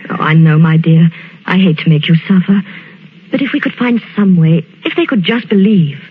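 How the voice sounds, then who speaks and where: A woman acting a gentle, anxious genteel lady in a soothing, earnest 1940s radio suspense style. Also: on the low side, normal speed, husky. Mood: pitying. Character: gentle anxious genteel lady friend, Miss Amanda, narrating her diary. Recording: tinny band-limited old radio, organ music behind.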